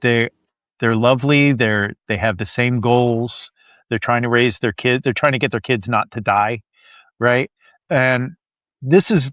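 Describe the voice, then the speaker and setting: Male interview host, mid pitch, earnest, conversational, dry close sound. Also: a bit bright, no echo. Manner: earnest, repeats himself for emphasis. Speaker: podcast host.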